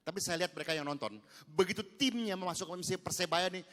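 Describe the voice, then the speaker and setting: A middle-aged male pastor preaching a sermon, animated, moving from hushed asides to loud exhortation. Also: sits high, quick pace. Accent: Indonesian. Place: large church hall. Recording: long church reverb.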